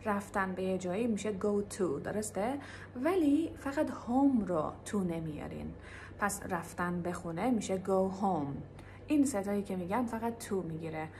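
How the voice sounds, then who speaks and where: Quick-talking woman English teacher. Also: medium pitch, animated, darkish tone, slight background noise. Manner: explains quickly, then repeats phrases slowly for pronunciation. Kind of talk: casual video lesson.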